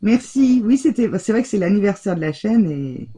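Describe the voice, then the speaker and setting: Opening her mail at home, a craft-channel host chats casually and gushes over each card, sprinkling in lots of little fillers. Her medium-pitched voice is warm with a breathy edge, lively in intonation, at a moderate pace. She's in her home craft room with the shutter half closed, filmed by an overhead table camera.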